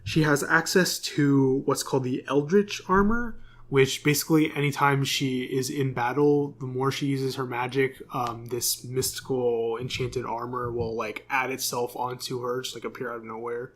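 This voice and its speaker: A podcast co-host with a medium-pitched, fairly even voice talks at a normal speed in a casual chat. He reads corrections from his notes, filling the gaps with plenty of fillers.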